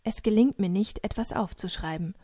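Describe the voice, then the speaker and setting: Woman reading an audiobook, calm and earnest, super dry close sound. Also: mid-range voice, normal speed, no room sound. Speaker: audiobook narrator. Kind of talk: scripted narration.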